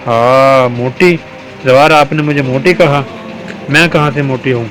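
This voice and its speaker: A man's voice: medium pitch, steady tone, a bit bright, soft background music, natural voice, low-quality recording. Male reader as a spirited, protective young wife, read firmly. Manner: firm, reassuring.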